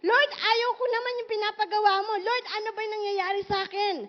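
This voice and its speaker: A woman's voice: extremely high pitch, level tone, brisk, voice pushed up. A woman preacher acting out a complaining man trapped inside a fish, pleading and whiny, in a muffled recording. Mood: whining.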